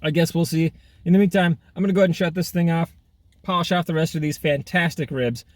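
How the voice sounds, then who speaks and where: A man's voice: a little high, fairly even intonation, quick pace, no echo. Chatty man reviewing food outdoors. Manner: chatty, eating while talking, frequent exclamations. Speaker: food vlogger. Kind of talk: casual food review vlog. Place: outdoors in half sun, half shade.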